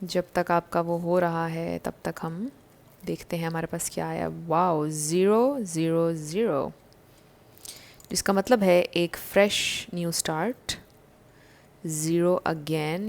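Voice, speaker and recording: A woman giving a casual tarot reading to her viewers, gentle and reassuring, slipping English phrases into her talk. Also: fairly low pitch, fairly even intonation, takes it slowly, creaky. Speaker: tarot card reader.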